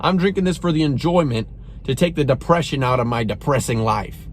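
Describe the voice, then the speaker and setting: A man's voice: mid-range voice, fairly quick, slight background noise. A young man reviewing a drink in a casual, exasperated rant, saying "bro" often. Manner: animated, exasperated, says "bro" a lot.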